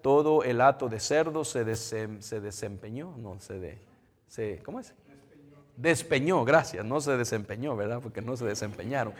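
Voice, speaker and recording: A man preaching a sermon in Spanish, who reads scripture in a loud emphatic voice and then drops low and quiet as he explains it. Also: normal speed. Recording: long reverb of a large hall.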